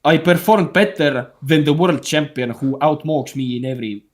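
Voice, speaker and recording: On a relaxed group call, a guest whose native tongue is Estonian talks in a fairly high male voice at moderate speed. He's blunt, swears liberally, and rambles from story to story.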